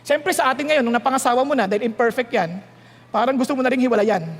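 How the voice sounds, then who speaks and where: A man with a Filipino accent preaching a sermon, teasing and animated as he mixes in English. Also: very high-pitched, fast talker. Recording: long hall reverb.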